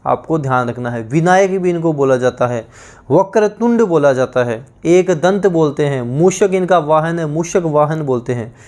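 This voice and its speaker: A man teaching an online exam-prep class. His voice sits high, and he runs through word lists in a steady drilling rhythm, urging his students on. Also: moderate pace.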